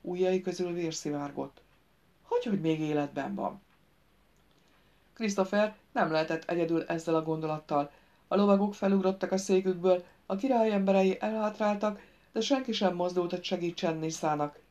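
A woman's voice: fairly low pitch, darkish tone, dull audio. Woman reading an audiobook. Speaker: audiobook reader. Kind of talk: scripted audiobook narration.

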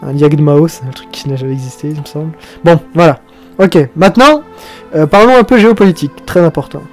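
A man's voice: on the high side, fairly quick, faint music behind. A young man hosting a casual game tutorial, chatty, swearing now and then and breaking into mock-dramatic outbursts. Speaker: video game tutorial host.

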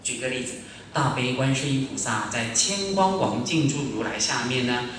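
A male Buddhist monastic giving a Dharma lecture to a live audience, lively and demonstrative, acting out his examples. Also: mid-range voice, normal speed. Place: large echoey lecture hall. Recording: very echoey hall, distant, faint noise.

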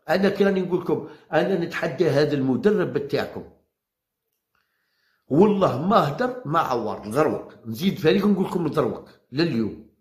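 A man with an Algerian Arabic accent rattles off a combative monologue at a rapid clip, hammering the same phrases as he challenges his viewers. His voice sits a little high for a man, and the room around him rings with a noticeable echo. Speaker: football commentator vlogger.

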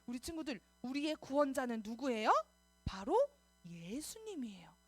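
A woman teaching preschoolers at a Sunday service, coaxing them in an animated, sing-song way to repeat after her. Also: high-pitched, normal speed, slightly rough, no echo, soft background music. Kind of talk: children's sermon.

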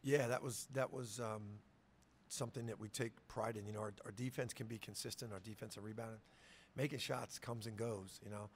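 Gravelly-voiced middle-aged coach at presser. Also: male voice, on the low side, steady tone, a little fast, slight background noise. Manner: conversational, repeats words when starting sentences. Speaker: head basketball coach. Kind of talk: post-game press conference answers. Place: press conference room with sponsor backdrop. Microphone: table mic.

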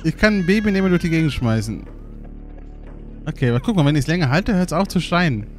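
A young man giving casual, excitable gaming commentary, swearing and laughing often as he plays. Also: on the high side, quick pace, soft background music. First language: German. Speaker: let's play gamer.

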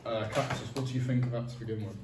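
A man's voice: medium pitch, level tone, racing. A young British man leading a casual food tasting with friends, hesitant and full of fillers. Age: young adult. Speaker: taste-test host. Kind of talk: casual group chat. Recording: roomy, distant mic, noisy.

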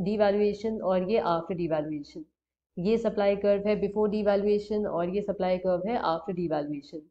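A young woman lectures in a patient, explanatory way, weaving English terms into her sentences and checking in with her listeners. Her voice is warm and dark-toned, at an ordinary pitch. The recording sounds muffled and lo-fi. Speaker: economics teacher. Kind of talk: explaining lecture over a diagram. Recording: dull lo-fi recording.

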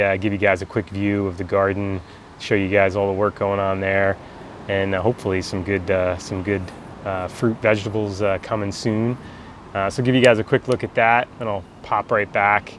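An American man in his forties chatting casually outdoors in an easygoing, halting way, like a reviewer talking to camera. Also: lowish voice. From United States. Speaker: pipe tobacco reviewer. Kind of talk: casual video chat. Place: outdoors in a backyard garden. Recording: outdoor ambient background noise.

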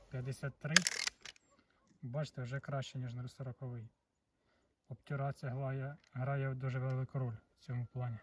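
A man with a Ukrainian accent talks his way through testing an air pistol, matter-of-fact and steady at a middling pitch. He is picked up from a distance, with a clearly noisy background and sharp clicks around him. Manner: matter-of-fact, reads out chronograph numbers. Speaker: airgun vlogger. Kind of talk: casual hands-on testing talk.

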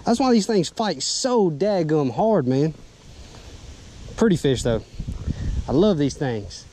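A young man, narrating a fishing outing in a folksy, excited way, recorded outdoors on an action camera. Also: on the high side, takes it slowly. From Southern US. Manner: excited, folksy, talks to viewers. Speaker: fishing vlogger. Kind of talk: casual fishing commentary. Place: outdoors on a boat and bank, wind and water. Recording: outdoor camera audio with noise.

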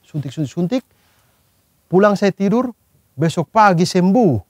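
A man's voice: high-pitched, unhurried, no echo. A man telling a childhood story in casual chat with friends, acting out the scene as he goes. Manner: animated storyteller, acts out scenes with gestures.

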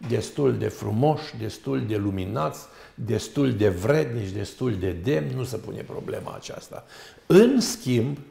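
A man's voice: mid-range voice, gravelly, dark tone. A man, a monk and guest on a talk show, telling saints' stories and preaching emphatically in long lists. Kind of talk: storytelling talk-show sermon. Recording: roomy echo.

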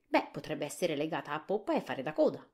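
A woman voicing a naive, eager male pumpkin-headed man in a soft whispered role-play audiobook. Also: deep voice, very animated, brisk.

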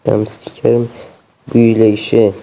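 Young guy swearing nonstop at a game he's playing, dark mellow voice, kinda dull recording. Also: fairly low pitch, completely flat delivery, normal speed, creaky. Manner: constant swearing, exasperated. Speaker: gameplay streamer. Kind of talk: let's play commentary. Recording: dull lo-fi sound.

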